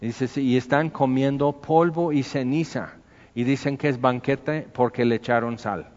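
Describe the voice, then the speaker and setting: A man's voice: mid-range voice, unhurried. Brief: Mexican male pastor, chatty sermon style, murmurs then bursts out, dull echoey church hall sound. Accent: Mexican Spanish. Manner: conversational preaching, acting out little dialogues, swings from hushed to loud.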